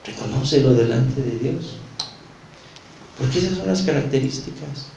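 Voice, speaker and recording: A man's voice: medium pitch, lively intonation, normal speed, creaky, warm tone, a little hiss or hum. A man with a Mexican accent teaching a Bible study, earnest and confessional, speaking straight to the listener. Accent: Mexican Spanish. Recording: roomy echo.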